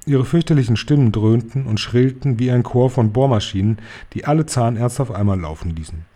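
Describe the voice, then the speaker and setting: A man reading a children's book aloud in a calm, even storytelling manner. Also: medium pitch, a little fast. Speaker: reader.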